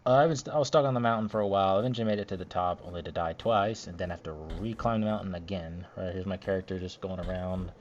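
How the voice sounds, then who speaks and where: A man with a very low voice grumbles his way through a voice-over for his own gameplay footage, rambling and plainly annoyed. The recording sounds dull and lo-fi. A faint hiss sits underneath it. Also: steady tone, quick pace, few pauses. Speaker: gameplay commentator. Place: home recording setup, voiced after the footage.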